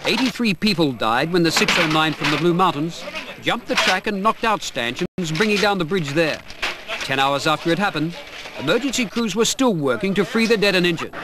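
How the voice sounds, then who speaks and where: A male television reporter reads his story in a measured, formal way, his voice sitting a little high. There is a clear hiss behind him, typical of a 1990s broadcast tape. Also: lively intonation. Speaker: news reporter. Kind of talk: scripted news narration.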